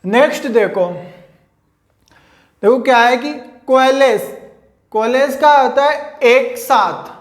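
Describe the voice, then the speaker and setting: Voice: high-pitched, takes it slowly, echoey room. A teacher giving an online vocabulary class, who repeats each word and spells it out letter by letter. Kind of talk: online vocabulary lesson with memory tricks.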